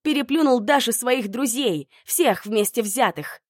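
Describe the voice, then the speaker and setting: A woman's voice: fairly high pitch, lively intonation, normal speed, dry recording, studio quality, voice pushed up, close to an everyday voice. A woman playing a tearful, furious young woman. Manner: tearful, shouting.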